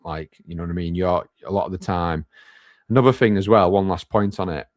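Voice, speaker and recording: A man's voice: deep voice, a little fast, no echo, clean studio sound. A man co-hosting a live business Q&A, talking casually and bluntly with the odd swear word. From United Kingdom. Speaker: podcast co-host.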